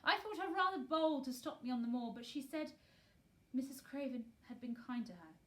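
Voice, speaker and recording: Woman playing a weary, emphatic gentleman guardian. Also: high-pitched, animated, normal speed, voice pushed up. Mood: startled, kindly.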